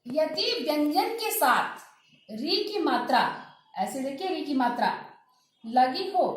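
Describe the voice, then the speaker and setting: A woman teaching a grammar lesson, slowly drilling pronunciation by repeating example words. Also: sits high. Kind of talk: classroom lesson with spoken examples. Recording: very echoey room.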